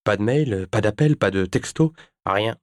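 A man reading an audiobook, voicing a sharp-tongued divorced woman who gives brisk, wry warnings. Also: lowish voice, animated, no room sound, clean studio sound, voice pushed up.

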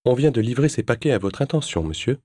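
A man's voice: mid-range voice, animated, fast talker, mellow, husky, no echo, studio quality, voice pushed up. A man reading an audiobook, voicing a slight young bellboy who is formally polite. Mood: deferential.

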